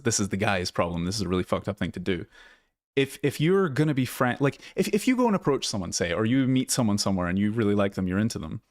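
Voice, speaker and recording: A man's voice: on the low side, no room sound, clean studio sound. A man coaching listeners on dating in a casual live talk, blunt and swearing freely, often restarting his sentences. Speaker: dating and social skills coach. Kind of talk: casual live advice monologue.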